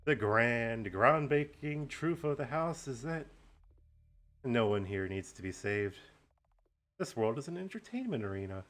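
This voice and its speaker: Man putting on a slow, theatrical, taunting villain. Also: medium pitch, lively intonation, a bit bright. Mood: grandiose, mocking. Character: mocking theatrical villain, gleefully menacing puppeteer. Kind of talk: character voicing in a game read-along.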